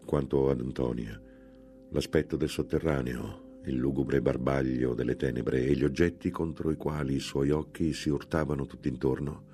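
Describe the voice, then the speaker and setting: A man reading a gothic novel aloud in a measured, dramatic narration. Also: rumbling low, warm tone. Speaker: audiobook reader.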